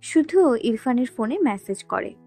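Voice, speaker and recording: High-voiced woman reading a story. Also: sing-song, normal speed, creaky, dark tone. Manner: reads all characters' dialogue with only slight voice changes. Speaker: narrator. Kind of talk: storytelling reading of a romance novel. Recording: dry close voice with faint background music.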